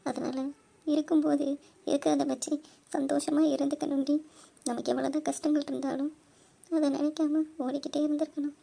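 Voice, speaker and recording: Cartoon ghost sister, high and gravelly, wistful and teasing, played by a woman. Mellow tone, music underneath. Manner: teasing, then sorrowful and advising. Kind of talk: cartoon voice acting.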